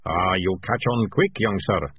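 A man's voice: low-pitched, measured pace, slight background noise. A man voicing a beery adult rat catcher in a storybook, falsely polite and threatening. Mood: menacing. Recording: narrow phone-like audio.

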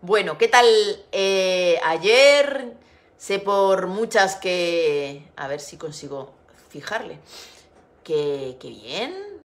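A middle-aged Spanish woman speaks very slowly in a low, sing-song voice while hosting a casual home craft livestream. She greets viewers by name, chatting and laughing along. She's recorded by a device camera on a desk in an echoey room with a window.

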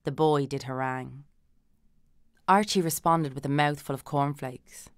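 A woman reading a literary novel aloud as an audiobook narrator, in a measured, dry manner with light character voices. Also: low voice, fairly even intonation, smooth, dry recording.

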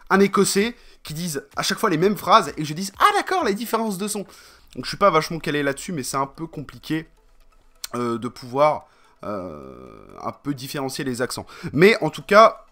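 A man from France talks loosely to his viewers, drifting from point to point with slang and constant fillers. His voice is bright and forceful and sits a little high. Faint music plays underneath. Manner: rambling, slangy, full of fillers. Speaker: vlogger. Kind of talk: casual vlog chat.

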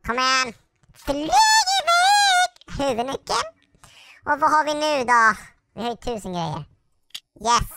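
A woman commenting on a video game as she plays, excitable, often shrieking and teasing the character chasing her. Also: high voice, long pauses. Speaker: gaming video host. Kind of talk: let's play commentary. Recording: loud game music behind the voice.

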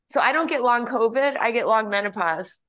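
A woman in her fifties leading a live online exercise class from home, chatting and laughing before calmly cueing each move. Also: a little high, fairly quick. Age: 50s. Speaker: fitness instructor.

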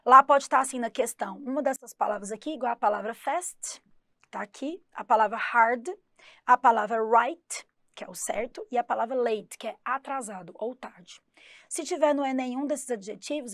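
A woman teaching an English lesson for exam prep, chatty and explaining slowly, spelling out words letter by letter. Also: a little high, sharp tone, dry recording, clean studio sound.

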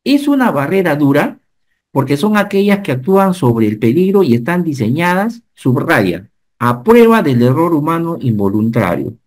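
A man, giving an animated online safety lecture and often checking whether the class follows. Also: a little high, moderate pace. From Peru. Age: 50s. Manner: animated teacher, asks the class checking questions. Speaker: occupational safety instructor.

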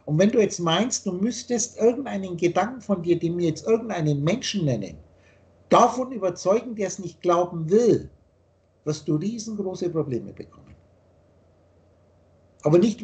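A man's voice: high-pitched, animated, normal speed, a little mellow. A man teaching spiritual ideas over a video call, emphatic and lecturing, often rephrasing his points.

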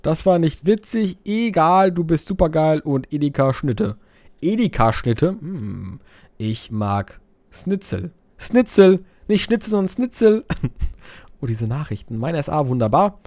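A young man plays a game and chats over it, crude and joking, reading out viewer messages in silly voices. His voice sits a bit high and swings widely up and down. The sound is dry and close. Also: expressive, a little slow, darkish tone, no room sound. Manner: crude, joking, swears a lot; reads chat messages aloud in silly voices. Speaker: let's player. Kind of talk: casual game commentary reading viewer chat.

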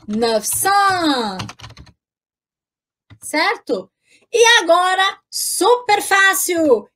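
High-voiced, unhurried woman teaching French. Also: sharp tone. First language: Portuguese. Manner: cheerful, checks in often with "tá bom, gente?"; slow, drawn-out modeling of numbers. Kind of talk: online language lesson.

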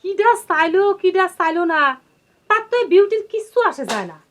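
An actress playing a sharp-tongued young village woman who runs a tea shop, scolding customers bluntly in rural dialect, in a TV drama. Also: very high-pitched, animated, brisk. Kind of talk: TV drama acting.

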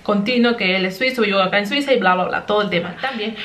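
A woman's voice: mid-range voice, fast, a bit bright, slight background noise. A young adult woman vlogging, telling a personal story in an earnest, chatty way and often tagging her sentences with a questioning "right?". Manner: earnest, chatty, tags lines with "¿no?".

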